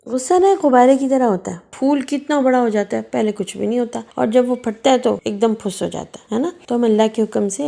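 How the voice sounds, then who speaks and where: A woman teaching a gentle children's Quran lesson, speaking slowly and coaxing the children with questions. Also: on the high side, creaky.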